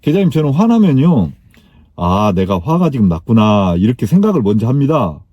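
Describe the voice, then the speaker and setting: A man playing a calm, respectful junior male officer who speaks in a measured way. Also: medium pitch, no room sound, muffled recording.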